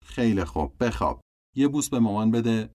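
A man's voice: fairly low pitch, expressive, darkish tone, close to an everyday voice. A man voicing a tired, strict middle-aged mother in an audiobook, speaking curtly and wearily. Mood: weary, scolding.

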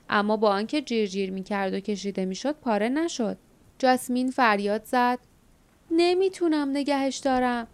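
A woman narrating an audiobook in a measured, steady reading. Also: mid-range voice, smooth. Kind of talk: scripted narration.

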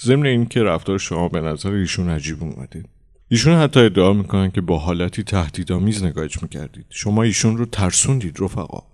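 Man as a lecturing Soviet policeman, deep-voiced. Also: expressive, darkish tone. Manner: formal, boastful lecturing.

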